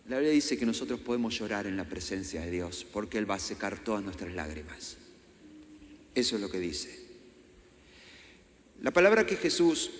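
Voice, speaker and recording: A man's voice: lowish voice, a little hiss or hum. A middle-aged man with a Rioplatense Spanish accent preaching a sermon in a church, acting out quotes with sudden raised voices. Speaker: pastor. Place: church hall. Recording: echoey church hall, faint ambience.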